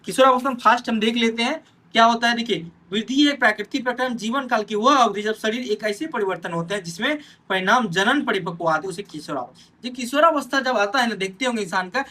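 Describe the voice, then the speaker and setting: A male teacher runs an exam-prep lesson in a bright, sharp voice. He talks straight to his students and checks in again and again with a quick "theek hai". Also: very high voice. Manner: addresses students directly, pointing at notes.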